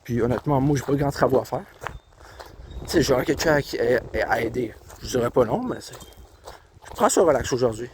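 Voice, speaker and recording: A man's voice: mid-range voice, animated, brisk, noisy background. A young man with a Québécois accent chatting casually as he walks a country trail, filming himself on a handheld tablet, rambling and poking fun at himself. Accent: Québécois French. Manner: rambling, chatty, self-mocking. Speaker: vlogger. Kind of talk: casual walking vlog. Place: outdoors, countryside trail by a river and road. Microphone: handheld tablet camera. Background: faint outdoor ambience, birds and passing cars.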